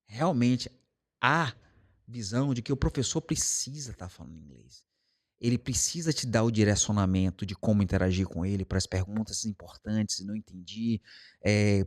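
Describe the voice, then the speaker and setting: A Brazilian man who teaches English, talking casually and explaining his method with everyday examples. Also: fairly low pitch. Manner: explains with everyday examples and acted quotes, varying pace. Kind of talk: casual monologue to camera.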